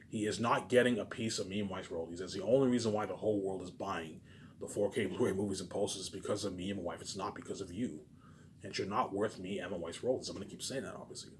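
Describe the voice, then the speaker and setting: With a low voice and a little background noise, a man addresses his phone camera in a meandering solo vlog. His delivery is emphatic and boastful, full of repetition and self-answered questions.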